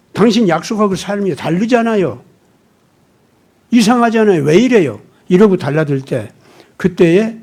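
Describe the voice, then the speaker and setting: A man's voice: high-pitched, a little mellow. A male pastor delivering a sermon in an emphatic, storytelling manner, often acting out dialogue. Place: church.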